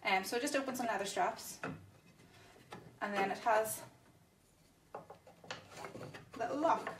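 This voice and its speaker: Showing off wooden toys at a toy shop, a woman keeps the casual demo chat upbeat and enthusiastic, laughing a lot. She speaks a little slowly in a slightly high voice, and there's a bit of hiss or hum.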